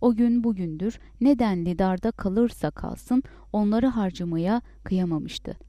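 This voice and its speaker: A woman narrating a story as an audiobook in a calm, measured way. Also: medium pitch, dry recording, studio quality.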